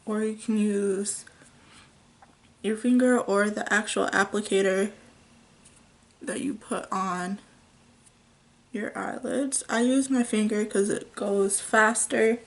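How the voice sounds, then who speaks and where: Slow-talking woman in a chatty makeup tutorial. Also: mid-range voice, fairly even intonation, creaky. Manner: chatty and unhurried, with frequent ums. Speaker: beauty vlogger. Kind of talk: casual makeup tutorial chat. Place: at home.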